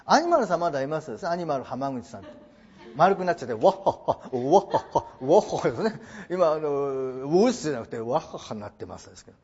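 A husky man with a high, lively voice that swings up and down, teaching English translation. He mixes formal, polite phrasing with joking asides, and the recording sounds dull and lo-fi. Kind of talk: classroom lecture on English translation.

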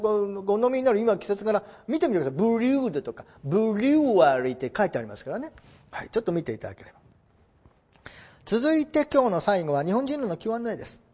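A man teaching a lesson, explaining example sentences in a lively, coaxing way. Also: sits high, slightly rough, muffled recording. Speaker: English teacher. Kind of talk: lecture with read-aloud example sentences.

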